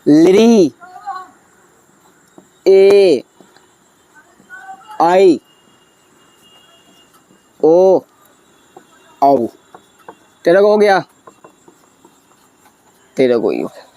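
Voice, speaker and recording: A high-voiced male teacher. He quizzes the class and answers himself, repeating key terms. The recording is close and dry. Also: big pitch swings, extremely slow, long pauses, mellow, dry recording. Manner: asks questions and answers them himself, repeats key words. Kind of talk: classroom lesson.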